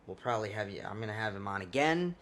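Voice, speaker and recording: A man's voice: on the low side, animated, quick pace, a bit bright, slight background noise. A man hosting a casual podcast, talking loosely and joking, swearing now and then. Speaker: podcast host.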